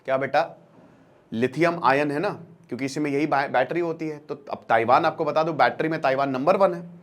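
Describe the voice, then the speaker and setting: This brisk, fairly high-pitched man is a current affairs educator and channel presenter. In an informal explainer lecture, he tells stories and acts out dialogue, addressing listeners directly in everyday language and repeating phrases to stress points.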